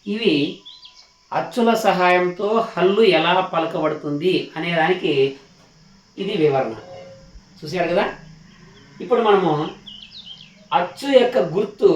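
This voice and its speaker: Patient man teaching letter sounds, high voice. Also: expressive, a little slow, long pauses, far from the mic. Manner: patient, repeats sounds syllable by syllable. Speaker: Telugu teacher. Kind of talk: slow spoken lesson for children. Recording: echoey room, slightly off the mic.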